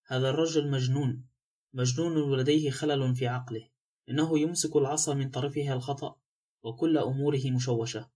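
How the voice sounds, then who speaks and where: A stiff, indignant old general rejects an accusation, as a man reading an audiobook voices him. He talks at a brisk clip, with the bearing of an officer. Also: mid-range voice, fairly even intonation, mellow, husky, lightly acted. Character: elderly military general, proud and shaken.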